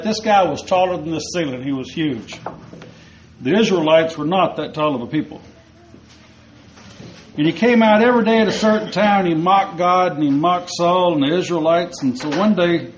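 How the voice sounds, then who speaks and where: A man's voice: fairly high pitch, slight background noise, rough recording. A male preacher giving a sermon, retelling a story conversationally with rhetorical questions.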